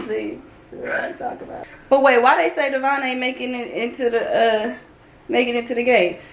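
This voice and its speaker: A woman in her thirties chatting casually as a vlogger at home, relaxed and drawling. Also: on the high side, normal speed, long pauses, muffled recording. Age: 30s. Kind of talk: casual chat. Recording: roomy echo, light room noise.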